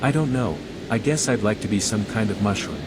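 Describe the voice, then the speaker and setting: An actor with a natural, fairly low male voice plays a video game's hero, a dry-witted, restrained envoy, delivering measured dialogue. The mood is dry and wary, and there's background noise.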